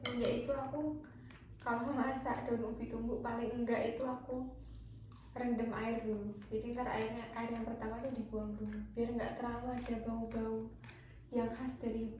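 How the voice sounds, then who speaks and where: A woman's voice: on the high side, level tone, normal speed, darkish tone. A woman from Indonesia chatting casually over a meal as the host of a vlog. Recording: very echoey room, distant mic, clear noise.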